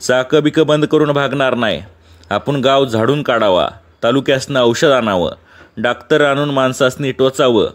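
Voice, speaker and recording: A man's voice: medium pitch, moderate pace, close to an everyday voice. A man voicing a sensible younger village man who questions the elders insistently. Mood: calm.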